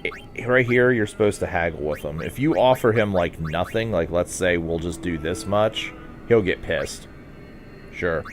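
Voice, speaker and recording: A man's voice: low-pitched, unhurried, soft background music. A man narrating a video game walkthrough as a guide, talking in a casual, conversational way.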